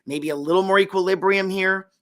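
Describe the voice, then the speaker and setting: A man's voice: sits high, fairly even intonation, a little fast, fairly bright tone. A hungover man hosting political commentary, opinionated and emphatic, stopping now and then to check himself. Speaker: host of a political talk show.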